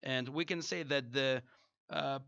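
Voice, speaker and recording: A man caller asking questions over the phone, halting with many fillers and restarts. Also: medium pitch, vocal fry, pushed and bright, dry recording, highs cut off. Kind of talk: prank call questions.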